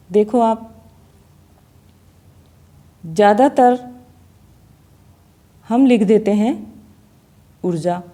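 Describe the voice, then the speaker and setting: A woman teacher gives a slow, careful grammar lesson, sounding out each example word again and again. Her voice sits a little high but has a mellow, dark tone. She speaks at an unhurried, classroom pace. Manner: slow, deliberate, repeats example words to demonstrate sounds.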